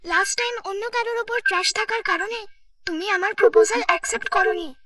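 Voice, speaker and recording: A woman reading the lines of a calm, measured male doctor in a story narration. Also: extremely high pitch, distant mic.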